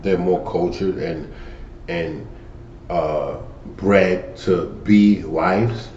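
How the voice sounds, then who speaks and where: A man's voice: deep voice, fairly even intonation, extremely slow, a little mellow. A man co-hosting a casual podcast, rambling with restarts and casual swearing. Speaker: podcast co-host. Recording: echoey room, distant dull mic, faint hum.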